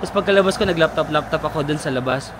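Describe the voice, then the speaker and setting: A man's voice: a little high, fast. A Filipino man vlogging outdoors from a handheld phone, telling a playful, gossipy story and mixing in English. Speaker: travel vlogger. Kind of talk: casual vlog chat. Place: outdoors in a town in winter. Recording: faint street noise outdoors.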